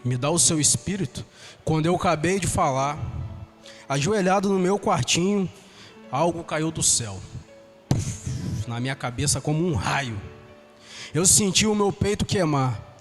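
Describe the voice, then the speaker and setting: A Brazilian man preaching a sermon in church, giving his testimony with passion and rising to shouts. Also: fairly high pitch, expressive, a little slow, pauses often, soft background music. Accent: Brazilian Portuguese.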